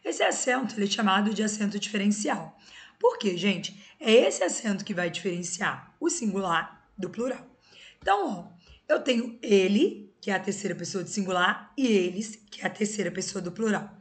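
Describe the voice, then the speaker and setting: A woman's voice: mid-range voice, lively intonation, moderate pace. A woman teaching an exam-prep grammar lesson, explaining step by step and often checking in with her students. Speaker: Portuguese teacher.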